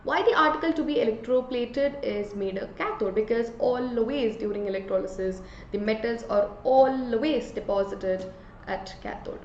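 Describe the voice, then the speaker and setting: A chemistry teacher with an Indian accent leads an exam revision lesson, explaining by posing questions and answering them herself. Her voice is fairly high-pitched at a moderate pace. The room is echoey, the sound slightly dull, with a little hiss or hum.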